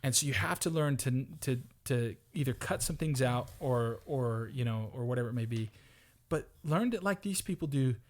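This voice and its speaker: A man at a middle pitch talks in an earnest, upbeat way as a podcast co-host. He pushes a motivational point in loose, casual chat and often restarts and repeats words while he gathers his thoughts. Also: expressive, moderate pace.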